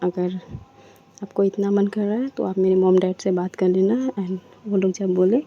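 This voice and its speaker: A woman voicing a teasing, sensible young bride in a told story, gently scolding. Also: medium pitch, fairly even intonation, moderate pace, close to an everyday voice. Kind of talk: storytelling with voiced dialogue. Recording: dull lo-fi, faint noise.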